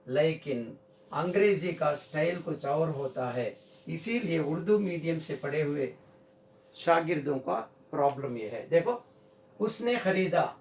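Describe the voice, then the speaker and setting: Slow, gravelly-voiced man teaching English. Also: a little high, expressive, darkish tone, a little hiss or hum. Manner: slow, repeats example sentences. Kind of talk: whiteboard grammar lesson. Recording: echoey room, mic far off.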